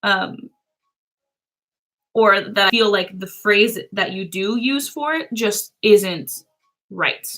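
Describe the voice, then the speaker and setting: A woman's voice: medium pitch, takes it slowly, pauses often, a bit bright. A woman chatting casually as a livestream co-host, reflective and loosely phrased with a giggly manner.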